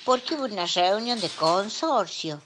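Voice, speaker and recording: A woman's voice: medium pitch, lively intonation, normal speed, background noise, natural voice. An Argentine woman acting a haughty, nosy, mocking salon client in a radio comedy.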